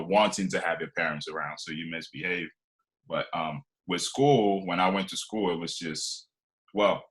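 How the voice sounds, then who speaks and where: Speaking in a low-pitched, slightly bright voice, a Liberian-born man in his twenties recounts his life on a podcast. It's casual storytelling, loose and meandering, packed with fillers and false starts.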